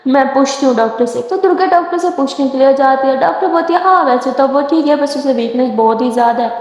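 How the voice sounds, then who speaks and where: A woman a high voice narrates a romance story in a loose, chatty way, slipping straight into the characters' dialogue and repeating as she talks. Her voice rings out in a very echoey room a long reverb tail. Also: a little mellow. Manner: casual, slips into dialogue, repeats words.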